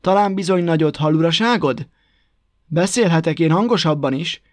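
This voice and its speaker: A man's voice: fairly high pitch, no echo, lightly acted. A man voicing a prim, touchy male hare who speaks with stiff politeness and scolds. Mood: polite.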